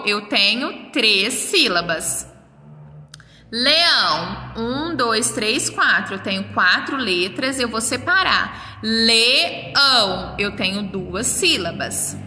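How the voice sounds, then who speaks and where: A woman's voice: medium pitch, sing-song, takes it slowly, sharp tone. A woman teaching a primary school class remotely, speaking in Brazilian Portuguese, patiently sounding out and counting words for young children. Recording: roomy echo, mic at a distance.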